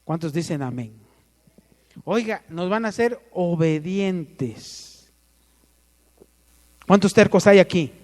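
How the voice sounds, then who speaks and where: High-voiced Mexican man preaching in an echoing hall. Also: expressive, takes it slowly, long pauses, darkish tone. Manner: asks the congregation questions and calls for amens. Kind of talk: sermon.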